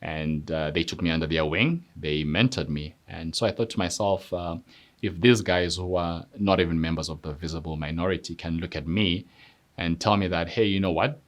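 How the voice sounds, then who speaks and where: A middle-aged man from Zimbabwe, a police constable, telling his story in a measured, reflective way with frequent fillers. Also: low-pitched. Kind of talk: personal testimony interview. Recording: soft music underneath.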